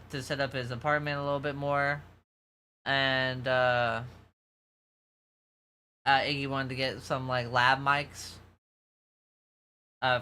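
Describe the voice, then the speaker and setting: A man's voice: medium pitch, bright, forceful tone, slight background noise. A young man with a New York accent, chatting casually as a streamer, rambling and losing track of his story. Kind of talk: casual chat.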